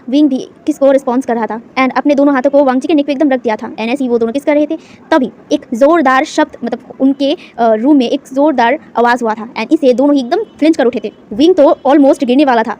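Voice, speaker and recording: A young woman tells a fan-fiction story in a high, quick voice. She is chatty and casual, with frequent fillers and English words dropped in. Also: a little mellow.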